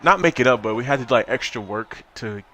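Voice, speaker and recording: A man's voice: medium pitch, expressive, fast talker, bright, forceful tone. A young man co-hosting a casual chat, laughing often and talking loosely in slang. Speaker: podcast co-host.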